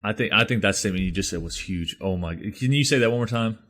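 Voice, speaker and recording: Deep-voiced, enthusiastic podcast host. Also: male voice, fast, fairly bright tone. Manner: enthusiastic, repetitive, with many fillers. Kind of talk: casual interview chat.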